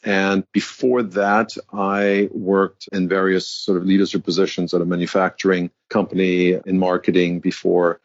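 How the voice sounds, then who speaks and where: A man's voice: sits low, level tone, normal speed, hardly any pauses, no echo. A man in his fifties from Germany, speaking, who tells his story as a guest executive coach in a reflective, articulate way. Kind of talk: interview conversation. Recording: dull, dry sound.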